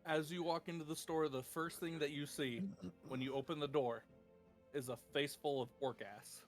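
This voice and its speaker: A man narrating a tabletop game as game master, describing scenes in a relaxed way. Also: on the high side, normal speed, soft background music.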